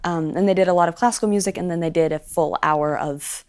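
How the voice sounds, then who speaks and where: A young woman raised in Sweden, with an American accent, speaks as a guest musician in a casual interview. Her lowish voice is quick, smooth and a little mellow. She talks animatedly, full of fillers and restarts.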